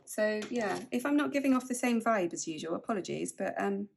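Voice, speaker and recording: A chatty woman from the UK talks casually as she counts out cash, laughing here and there. Her pitch sits in an ordinary middle range. She sounds a little spaced out from medication. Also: expressive, brisk, creaky, a little hiss or hum. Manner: chatty, counts money aloud, laughs often. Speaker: budgeting vlogger. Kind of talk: casual chat while cash stuffing.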